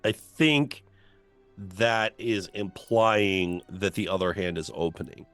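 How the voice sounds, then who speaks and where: Male, game master, slightly low voice, dry close sound, casual tabletop narration, faint music. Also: slow pace, a bit bright, no room sound. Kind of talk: running a tabletop role-playing game, casual chat.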